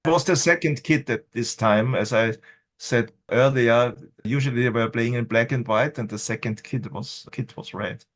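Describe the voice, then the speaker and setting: A man in his sixties with an Austrian accent, German his first language, reminiscing as a guest in a podcast interview, measured and restarting often. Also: mid-range voice. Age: 60s. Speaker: guest blogger.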